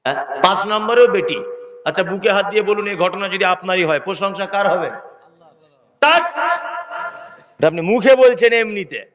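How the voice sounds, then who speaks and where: High-voiced preacher in an echoey hall. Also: male voice, normal speed, pauses often, fairly bright tone. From West Bengal, India. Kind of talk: Bengali waz sermon. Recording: echoey, dull sound system.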